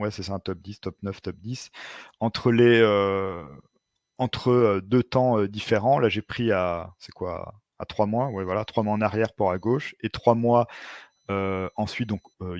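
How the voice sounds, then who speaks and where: A man's voice: on the low side, no room sound, clean studio sound. A man presenting a webinar as an expert, explaining informally and hesitantly, with frequent filler sounds and restarts.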